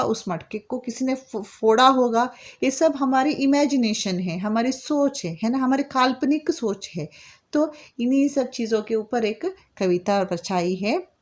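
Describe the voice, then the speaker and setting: A woman teacher with an Indian accent walks young pupils through a children's poem. Her voice sits slightly high, and she explains each idea in simple words, often circling back to repeat it. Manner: reads poem lines slowly and sing-song. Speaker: school teacher.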